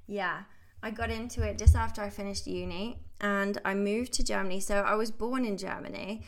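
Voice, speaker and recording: A woman in her thirties from the UK, a health coach, talks casually on her own podcast, bubbly and laughing often. Her medium-pitched voice stays steady at a moderate pace.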